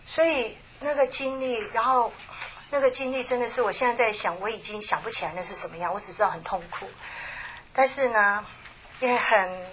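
Soft, halting middle-aged woman testifying. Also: medium pitch, a little hiss or hum. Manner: halting and soft, with many restarts and trailing phrases. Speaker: church member giving a testimony. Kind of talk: personal faith testimony.

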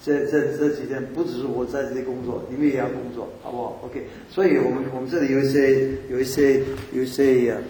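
A man leading a Bible study, giving group instructions in a halting way full of restarts and checks. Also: medium pitch, little pitch movement, mellow. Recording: echoey hall, far from the mic, noisy.

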